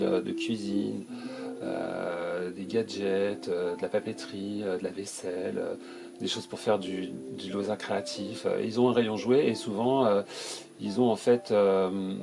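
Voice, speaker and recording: A gravelly man's voice, on the low side, belongs to a toy unboxing YouTuber who has a cold. Stuffed up, he goes through each item for his channel casually and hesitantly, leaning on many fillers.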